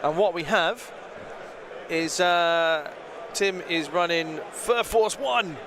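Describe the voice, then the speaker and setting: A man's voice: on the high side, slow, background noise. A British man commentating a live tabletop game tournament in a chatty, rambling way that often corrects itself. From Britain. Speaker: stream commentator.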